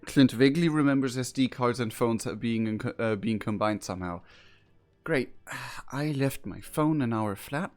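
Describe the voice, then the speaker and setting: A man's voice: medium pitch, moderate pace, soft background music. A man playing a tabletop role-playing game, talking hesitantly with many ums and apologies. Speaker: player.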